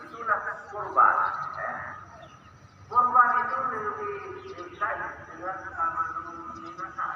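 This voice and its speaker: A man's voice: on the high side, background noise. A man giving a sermon in a large mosque hall, quoting Arabic verses and translating them. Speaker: preacher. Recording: echoey hall from far off, dull.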